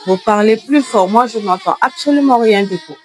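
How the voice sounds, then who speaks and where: A woman's voice: on the high side, moderate pace, slight background noise. A young woman who works in food quality, leading a cooking workshop with schoolchildren, teasing and coaxing them to speak up. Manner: animated, teasing, coaxing children to speak louder. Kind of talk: lively classroom talk with children. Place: school classroom.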